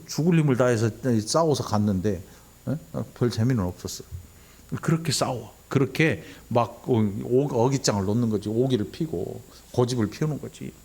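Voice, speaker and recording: Middle-aged male pastor, conversational sermon delivery, checks in with the congregation, acts out quoted lines with big pitch jumps. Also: creaky, warm tone, slightly rough. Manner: conversational preaching, constantly asking the congregation "응?". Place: church sanctuary.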